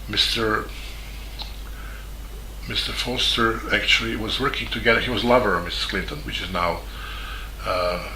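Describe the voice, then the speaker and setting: A man speaks English with a Serbian accent, his voice low in pitch yet strikingly bright and edged. He talks haltingly, stopping often and restarting his sentences. The recording sounds echoey, with a faint room hum behind him. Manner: halting, with many fillers and restarts. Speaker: journalist. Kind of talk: spoken statement.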